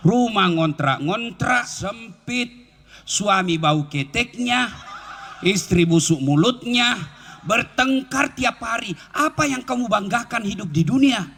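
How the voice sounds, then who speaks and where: Brief: male preacher, high and bright, playful outdoor sermon song and jokes. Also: takes it slowly, slightly rough. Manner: joking, lively, breaks into song. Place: outdoor field gathering.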